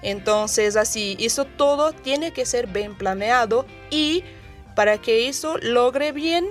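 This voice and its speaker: A woman with a Brazilian Portuguese accent speaks non-native, slightly hesitant Spanish in a fairly high voice. She explains things conversationally as an interview guest, with music playing behind her. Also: slow pace. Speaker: guest career coach. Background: background music.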